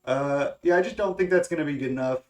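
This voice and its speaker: A young male gaming content creator with a stuffy, congested voice casually thinks aloud about his card game choices, hesitating with lots of fillers and restarts. His pitch is fairly high, his tone darkish, and he talks fast.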